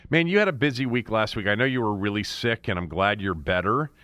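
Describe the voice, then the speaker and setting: A man hosting a sports podcast in casual chat, talking his way through a topic with restarts and a voice that is going hoarse. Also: on the low side, lively intonation, a little fast, sharp tone, no echo. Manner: chatty, restarts mid-sentence. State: losing his voice. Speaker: podcast host.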